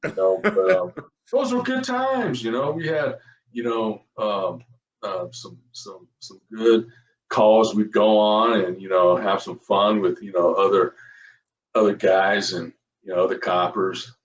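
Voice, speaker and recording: A retired police officer telling stories in casual chat, animated and laughing often. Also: male voice, measured pace, far from the mic. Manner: animated, laughing, jumps high in pitch when quoting others. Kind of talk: casual storytelling. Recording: roomy echo.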